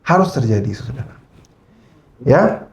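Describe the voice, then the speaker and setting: A man's voice: mid-range voice, unhurried, creaky, lo-fi sound. A man preaching a sermon at a church service, switching into English phrases and often checking in with the congregation as he tells stories. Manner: animated storyteller.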